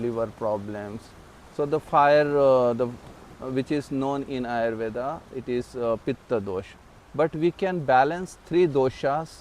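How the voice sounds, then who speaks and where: A man teaching a yoga lesson as an instructor, explaining in a halting, repetitive way and often clearing his throat. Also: medium pitch, a little mellow. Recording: clearly noisy background ambience.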